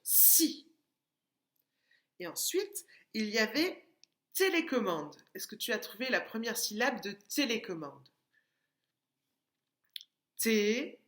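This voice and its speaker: A woman's voice: on the high side, very animated, normal speed, fairly bright tone. A woman teaching a lesson to young children, speaking patiently and stretching out syllables as she taps them. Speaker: preschool teacher. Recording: echoey room.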